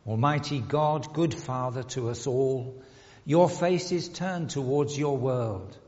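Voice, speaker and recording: A man leading a communion prayer in a large church, intoning slowly and solemnly, his voice ringing in a long cathedral-like echo. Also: mid-range voice, darkish tone. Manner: slow, measured, solemn intoning. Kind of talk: liturgical prayer recitation. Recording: dull, echoey church recording from afar.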